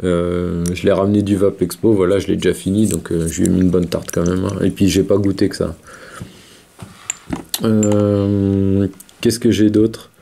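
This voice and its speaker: A man's voice: sits low, little pitch movement, normal speed, creaky, dark tone, a little hiss or hum. A man talking casually to camera as a video reviewer, hesitant with many fillers. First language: French. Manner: hesitant, many fillers, talks while vaping. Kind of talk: casual chat.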